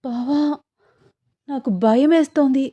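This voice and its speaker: A woman voicing a frightened young wife who pleads in a high, breathless voice. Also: fairly even intonation, takes it slowly, dark tone, dry recording.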